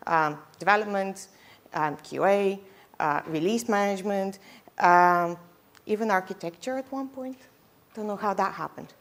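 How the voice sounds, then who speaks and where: Chatty woman giving a conference talk. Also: lowish voice. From Bulgaria. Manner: chatty, frequent ums, self-deprecating asides. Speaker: conference speaker. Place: lecture hall with projector screen. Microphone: headset mic.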